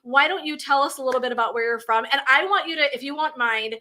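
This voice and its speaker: A woman's voice: sits high, quick pace, bright, forceful tone. A woman hosting a live video stream, chatting in a bubbly, effusive way. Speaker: host.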